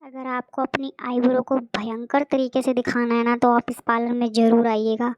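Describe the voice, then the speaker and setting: A woman's voice: on the high side, level tone, moderate pace, noisy background. A young woman giving a sarcastic, exasperated comic voice-over about a beauty visit. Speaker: beauty vlogger.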